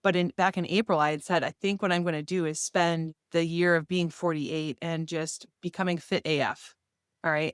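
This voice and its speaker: Addressing the camera directly, a fitness vlogger in her forties gives a casual, heartfelt rundown of her fitness year. She speaks with a fairly low pitch and a clean tone in a dry, clean studio recording.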